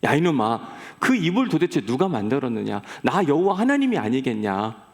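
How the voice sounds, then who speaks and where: A man's voice: mid-range voice, big pitch swings, normal speed. A man voicing God as an impatient, scolding father figure who urges a reluctant servant to go. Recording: echoey church hall.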